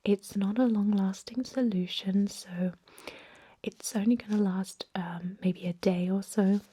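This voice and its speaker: Here a woman whispers breathily as an ancient vampire medic, a thousand years old, calm and reassuring, in an ASMR roleplay. She speaks gently and without hurry, pausing hesitantly over soft explanations in a soothing tone. Her voice sits mid-range on a dry recording.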